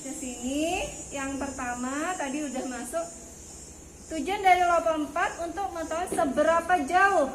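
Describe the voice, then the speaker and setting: A woman instructor demonstrating a prenatal exam step by step and checking that her students understand. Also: high-pitched. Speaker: midwifery instructor. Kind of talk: hands-on clinical demonstration. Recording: echoey room with background noise.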